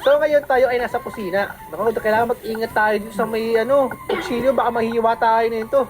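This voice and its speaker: Fairly quick and with fairly even intonation, this higher-voiced Filipino-accented woman gives casual commentary on her gaming channel, switching between Tagalog and English as she plays. The recording is rough, with game music in the background.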